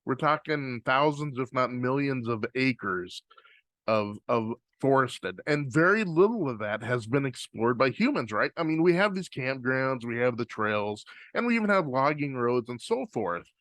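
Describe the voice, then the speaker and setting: A man from the US Pacific Northwest hosts a podcast, reading listener mail in a casual, rambling chat full of fillers and restarts. His mid-range voice is fairly bright, with lively intonation and a measured pace. He's recorded on a close studio mic with no echo.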